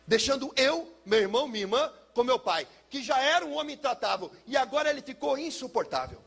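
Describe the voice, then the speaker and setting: Gravelly high-voiced pastor. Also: male voice, expressive, a little fast. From São Paulo, Brazil. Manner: dramatic storyteller, drops low and soft for heavy moments. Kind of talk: personal testimony sermon.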